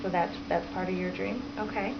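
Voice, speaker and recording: Briskly and in a steady, mid-range voice, a woman reads aloud to children as a teacher would, putting questions to them and encouragingly repeating their responses. The home recording is lo-fi and dull, with noticeable background noise.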